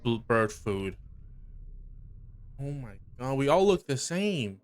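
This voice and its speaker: A man's voice: mid-range voice, sing-song, slow pace. A man giving let's play commentary on a game, reacting with startled exclamations and chuckles. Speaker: gamer.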